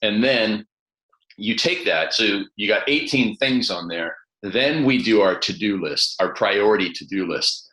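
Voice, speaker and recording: A man's voice: on the low side, expressive, measured pace, pushed and bright. A man coaching in a conversational way, explaining step by step with acted-out examples, in a roomy, echoing recording. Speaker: coach and author, guest. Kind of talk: conversational advice.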